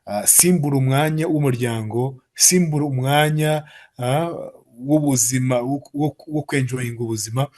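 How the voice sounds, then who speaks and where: A man's voice: mid-range voice, normal speed, a little mellow. A man asking the guest a long question, drawing out his words with fillers.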